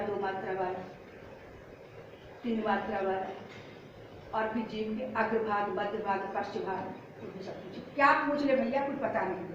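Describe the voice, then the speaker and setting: A woman teaches an exam-prep lesson, her slightly high voice repeating words slowly as she corrects spellings. She sits well back from the mic in a very echoey room. The recording is dull and lo-fi, with a faint hiss underneath. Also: distant mic. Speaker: Hindi teacher.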